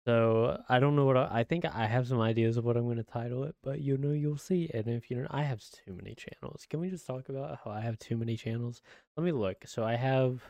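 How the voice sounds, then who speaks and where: A young man from the United States, a streamer, rambling in casual chat to viewers, flat and monotone with many fillers and restarts, close to a desk microphone. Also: medium pitch, dry recording. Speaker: streamer and channel owner.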